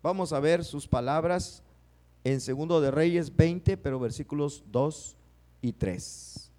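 A man's voice: a little high, slow pace, mellow. A man preaching a sermon, acting out prayers and putting questions to the congregation.

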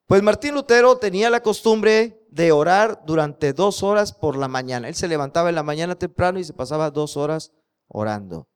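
A man's voice: a little high, expressive, normal speed, clear, resonant tone. A man preaching a sermon, telling stories and asking the congregation rhetorical questions.

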